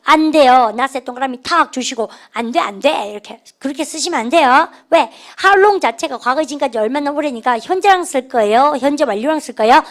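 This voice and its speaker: A woman English grammar teacher giving a lecture, cueing students to repeat and saying example sentences slowly. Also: high-pitched, animated. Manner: call-and-response drilling, cues students with "시작" and says English sentences slowly.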